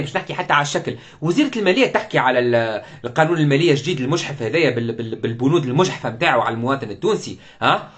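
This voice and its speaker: A man's voice: a little high, a bit bright. A man with a Tunisian Arabic accent giving an impassioned live political commentary, firing off rhetorical questions and mixing in French words.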